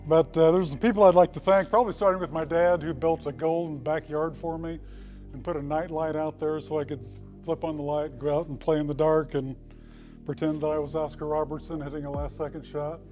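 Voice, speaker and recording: Man, late 60s, acceptance speech, podium mic, school hall, folksy dry humor, slightly high voice, faint music behind. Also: fairly even intonation, a little fast, a little mellow. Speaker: hall of fame inductee. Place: school hall with brick walls. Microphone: podium microphone.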